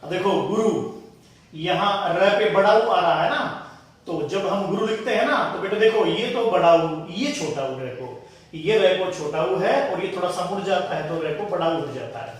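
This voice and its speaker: A man's voice: high-pitched, animated, moderate pace, far from the mic. A male teacher giving a Hindi spelling lesson, explaining each word step by step and addressing students as "beta". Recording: very echoey room from afar.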